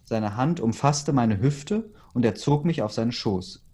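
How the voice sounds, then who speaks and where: A man reading a fan story aloud in a casual, even way, including the readers' comments. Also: mid-range voice, a little slow.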